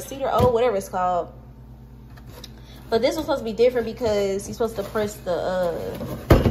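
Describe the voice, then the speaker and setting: A woman's voice: mid-range voice, very noisy. A young woman chatting casually to her viewers while she cleans at home, filmed on a phone. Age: young adult. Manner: chatty, talks to viewers as "y'all". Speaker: vlogger. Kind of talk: casual vlog chat. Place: home kitchen, indoors. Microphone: phone camera held by hand.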